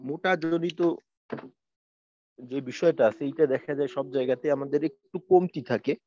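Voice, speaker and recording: A man teaching Quran recitation in an online class, explaining patiently and slowly stretching out sample verses. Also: mid-range voice, darkish tone. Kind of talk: online tajweed lesson. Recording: dry, muffled lo-fi audio.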